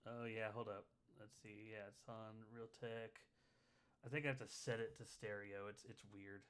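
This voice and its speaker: A man's voice: fairly low pitch, flat delivery, fairly bright tone, clean tone. Man's voice in the left ear only. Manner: halting, with many filler sounds. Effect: voice heard in the left ear only. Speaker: co-host. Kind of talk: casual podcast chat.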